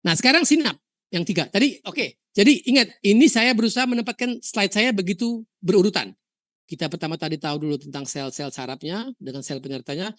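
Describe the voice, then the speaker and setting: Lecturing on histology at a university, a woman from Indonesia explains with lively stories and rhetorical questions, sprinkling in English terms. She speaks fairly quickly in a mid-range voice, and the audio is dry and studio quality.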